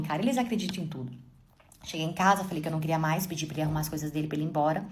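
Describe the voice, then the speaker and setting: A woman's voice: lowish voice, a little mellow. A young woman telling a dramatic first-person story in a casual way, talking straight to her listeners. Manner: dramatic, addresses listeners directly.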